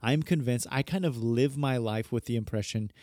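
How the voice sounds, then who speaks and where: A man's voice: mid-range voice, normal speed, darkish tone, no room sound, studio quality. Earnest rambling man in his thirties. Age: 30s. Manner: rambling, self-correcting, earnest. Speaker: podcast host and pastor. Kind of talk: casual podcast monologue.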